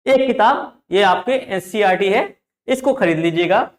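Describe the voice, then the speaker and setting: A man's voice: sits high, lively intonation, normal speed, echoey room. A man teaching an online class, talking emphatically and repeating his phrases as he addresses the students. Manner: emphatic, repeats phrases, often calls listeners "dear children". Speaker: online tutor.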